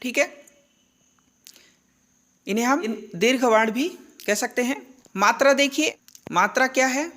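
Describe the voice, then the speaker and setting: Female teacher, fairly high voice, measured unhurried delivery, quizzes herself as she goes. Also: fairly bright tone. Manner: asks questions and answers them herself; slow and deliberate, repeats key terms. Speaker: Hindi grammar teacher. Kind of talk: classroom-style lesson.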